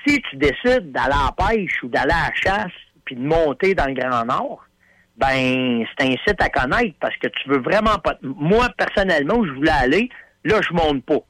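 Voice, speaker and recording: A man with a fairly high voice and a Quebec French accent speaks at a moderate pace, with no echo, while chatting on a radio show. He tells his stories animatedly, in folksy slang peppered with fillers.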